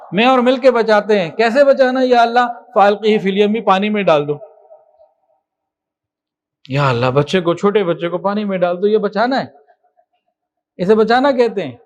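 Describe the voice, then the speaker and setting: A man preaching a sermon with passion, moving between soft explanation and loud emphasis. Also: high voice. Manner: impassioned, swings from soft to loud with chanted Quran recitation.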